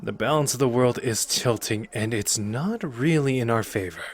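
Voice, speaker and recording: In this ASMR roleplay, a man with a medium-pitched, fairly ordinary voice speaks at a normal pace. He plays a cocky, playful young sorcerer with a protective side, chatting casually and intimately with the listener. He sounds earnest and persuasive, teasing in a warm, conversational way.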